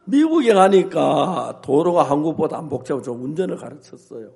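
An older man, a pastor, preaching with humor and telling animated stories, acting out his own shouts and both sides of a quarrel. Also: on the high side, a little fast, vocal fry. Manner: animated storytelling, acts out shouts. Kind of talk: humorous sermon.

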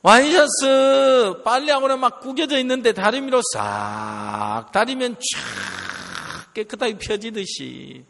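A man preaching a sermon, telling a story in a lively way and acting out what others said. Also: very high voice, slow, vocal fry. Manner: animated storytelling, quoting others, laughing at times. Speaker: pastor. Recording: long hall reverb.

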